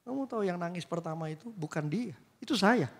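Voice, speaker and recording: A man's voice: high voice, expressive, brisk. A man speaking from the pulpit, telling an emotional testimony and slipping English phrases into his storytelling. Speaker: lay speaker sharing testimony. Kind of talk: church testimony sermon. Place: church hall. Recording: long church hall reverb.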